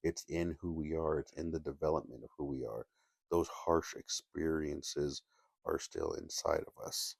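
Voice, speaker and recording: A man with a very deep voice talks in a halting, restarting way, his words full of gravelly fry. He keeps his voice low and quiet. The sound is dry and close, with no room echo. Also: lively intonation. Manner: halting, many restarts and fillers, kept quiet. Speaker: video essayist. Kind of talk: casual solo commentary.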